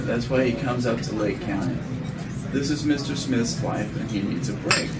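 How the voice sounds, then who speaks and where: A young man raised in Denmark speaks to a dinner crowd, explaining his points and tossing questions out to the listeners. He is picked up from across a banquet room, so his voice sounds distant and echoey. Loud room noise with clinking cutlery sits under him. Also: medium pitch. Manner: explanatory, asks the audience questions. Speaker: winery owner giving a talk. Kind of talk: conversational speech to an audience. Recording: roomy, distant and noisy.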